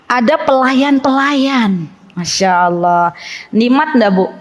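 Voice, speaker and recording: Lively woman teaching a women's study group. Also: on the high side. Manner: lively, playful, acts out little scenes. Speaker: Islamic religious teacher. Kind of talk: religious study talk to women.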